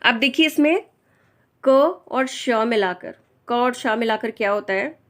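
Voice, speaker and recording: A woman's voice: a little high, unhurried, fairly bright tone. A woman teaching a language lesson, patiently explaining and repeating each pronunciation.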